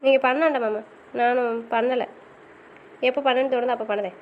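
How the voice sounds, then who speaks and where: A woman's voice: a little high, fairly even intonation, fairly quick, narrow, tinny audio, slight background noise, natural voice. A woman voicing a stubborn young college student who insists and pleads. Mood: curt. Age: young adult. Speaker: voice actor. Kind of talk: audio drama acting.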